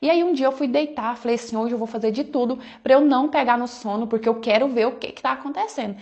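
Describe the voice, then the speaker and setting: A woman's voice: a little high, quick pace, darkish tone, muffled recording. A woman with a Brazilian Portuguese accent telling a personal story in a casual, chatty first-person storytime style, often tossing in conversational fillers. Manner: chatty, conversational, often adds "né" and "falou assim".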